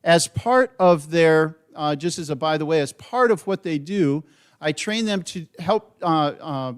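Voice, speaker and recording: A man leading a student mission program, speaking earnestly to a church congregation. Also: on the high side. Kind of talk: church presentation.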